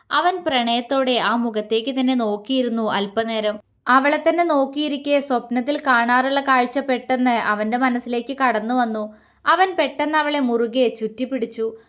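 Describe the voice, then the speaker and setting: A woman reading a romance story aloud, narrating in a soft, steady way. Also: a little high.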